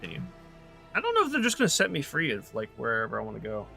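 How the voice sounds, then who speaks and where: A male game streamer chats casually, rambling and thinking aloud with plenty of fillers. His pitch is middling but moves around a lot. Faint music plays in the background. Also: huge pitch swings, very fast, gravelly, pushed and bright. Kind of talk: casual gaming stream chat.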